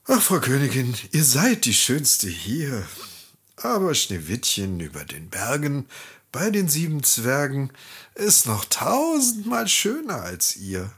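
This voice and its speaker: A storyteller voicing a dutiful, weary magic mirror that speaks in a measured, matter-of-fact way. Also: mid-range voice, huge pitch swings, a bit bright, husky, exaggerated voice.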